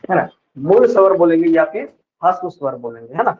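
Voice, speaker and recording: A man's voice: fairly high pitch, sing-song. A male teacher from lecturing on vowels in a classroom style, often checking whether students follow. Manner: explains slowly, stretching example words. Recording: dull lo-fi sound.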